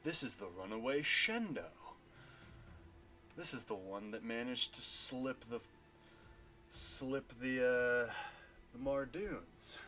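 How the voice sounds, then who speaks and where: A man voicing a mocking, menacing male thug leader with a warhammer, speaking low and quiet. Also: slow pace, pauses often, soft background music. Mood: cold.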